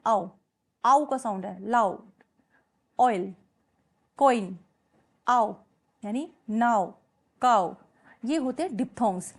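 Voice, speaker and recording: Slightly high with vocal fry, a woman's voice leads a classroom English lesson that mixes Hindi and English. She repeats example words patiently and keeps asking questions to make sure students follow.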